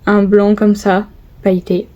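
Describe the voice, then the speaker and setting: A woman's voice: mid-range voice, level tone, unhurried, dark tone, highs cut off. A young woman chatting casually through a make-up tutorial, filmed on her phone at home, with many hesitations and little repeated gushes. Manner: chatty, lots of hesitations and repeated "trop, trop beau". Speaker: beauty vlogger. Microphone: phone camera.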